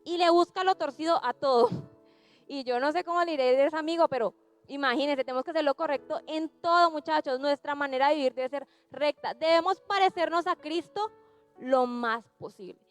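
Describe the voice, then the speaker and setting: A high-pitched young woman preaches to a youth group, keeping it conversational and firing questions at her listeners. Faint music plays softly underneath her voice. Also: fairly quick. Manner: conversational, asks the audience questions. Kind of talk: sermon to young people.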